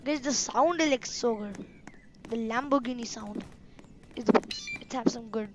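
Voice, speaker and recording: A woman streaming a game and chatting excitedly to her viewers as she plays. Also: fairly high pitch, moderate pace. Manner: excitable, talks to viewers as "guys" and "boys". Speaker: gaming streamer. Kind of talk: casual gameplay commentary. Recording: loud game noise behind the voice. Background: loud car and engine game sounds.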